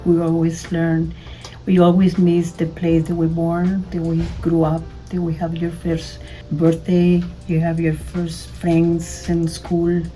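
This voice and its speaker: An older woman from Spain, a native Spanish speaker, answering interview questions as a school attendance clerk in halting, non-native English. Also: fairly low pitch, monotone, mellow, low-quality recording.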